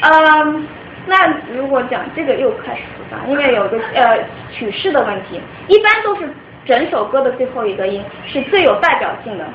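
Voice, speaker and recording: Explaining music theory informally to a small group, a young Chinese woman talks fairly quickly in a high, animated voice. She stays patient, frequently starting her sentences over. Faint noise and echo come through the dull, lo-fi recording.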